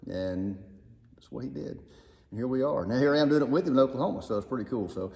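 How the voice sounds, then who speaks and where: A man with a Southern US accent talks quickly at a middle pitch, in a casual, self-deprecating way about faith. He is a guest speaking inside a barn, and long echoes trail his voice. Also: expressive, gravelly, dark tone. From Alabama, US South. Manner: fast-talking, self-deprecating.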